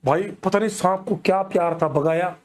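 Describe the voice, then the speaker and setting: Animated young man telling a story. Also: high-pitched, normal speed. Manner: animated, keeps checking the audience follows. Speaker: stand-up comedian. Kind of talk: storytelling comedy.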